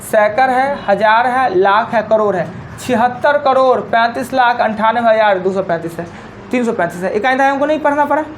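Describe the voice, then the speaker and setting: A woman teacher with a Bihari Hindi accent lectures a live class in a fairly high voice. She counts digits aloud one by one and repeats each rule as she goes. A faint room hum sits behind her. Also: normal speed. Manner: explains step by step, counting digits aloud and repeating key points.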